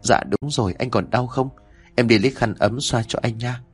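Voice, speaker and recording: Man voicing a gentle tearful young wife. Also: mid-range voice, normal speed, breathy edge, faint music behind, natural voice. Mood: worried. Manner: soft, soothing.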